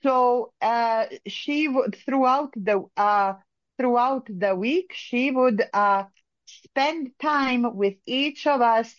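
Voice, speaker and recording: A woman from Bosnia, speaking in a halting way with many pauses and fillers as a caller in a phone-in discussion. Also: on the high side, dry recording. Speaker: caller sharing experience. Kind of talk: casual phone-in talk. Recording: muffled lo-fi line.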